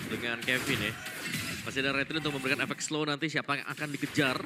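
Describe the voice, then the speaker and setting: Fast-talking Indonesian male esports analyst. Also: mid-range voice, steady tone, over loud music. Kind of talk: analytical game commentary.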